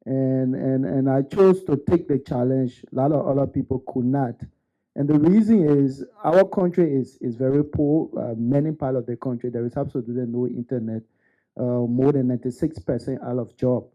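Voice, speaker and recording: A man's voice: mid-range voice, moderate pace, warm tone, dull audio. A man giving an earnest, unscripted graduation testimonial with frequent stammering restarts. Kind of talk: unscripted ceremony speech.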